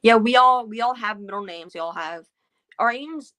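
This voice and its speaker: A woman's voice: fairly high pitch, moderate pace, sharp tone. A woman hosting a casual book club chat, talking in loose, rambling sentences full of fillers. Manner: chatty, trailing off with fillers.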